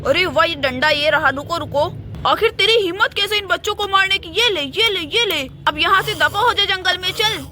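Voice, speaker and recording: A woman voicing a kindly, brave uncle who talks in a brisk, protective, commanding way. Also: extremely high pitch, bright, forceful tone, a little hiss or hum. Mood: fierce. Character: brave kindly male uncle, rescuer of children.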